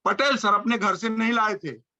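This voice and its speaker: Fervent male motivational speaker, very high and piercingly bright voice, chanting repetition. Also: steady tone, moderate pace. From India. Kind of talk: high-energy motivational speech.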